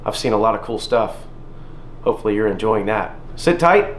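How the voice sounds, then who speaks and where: A man's voice: on the low side, animated, moderate pace. A man in his thirties chatting casually to a handheld camera as a travel vlogger, mostly outdoors. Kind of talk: casual vlog talk to camera. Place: mostly outdoors by windy seaside. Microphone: handheld camera at arm's length. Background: wind, music.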